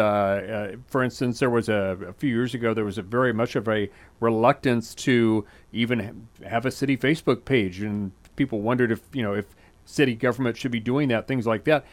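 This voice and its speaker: Male interviewer, mid-range voice, halting with lots of uhs. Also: medium pitch. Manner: halting, many uh fillers and restarts. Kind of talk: conversational interview.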